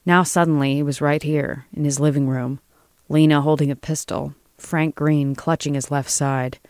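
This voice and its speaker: Woman narrator, measured dramatic reading, dry close sound. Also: sits low, fairly even intonation, darkish tone, dry recording. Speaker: story reader. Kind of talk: audiobook narration.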